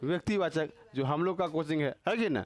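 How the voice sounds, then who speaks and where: A man's voice: fairly high pitch, fairly quick, no echo. A man teaching a casual grammar class, teasing and quizzing his students with constant tag questions.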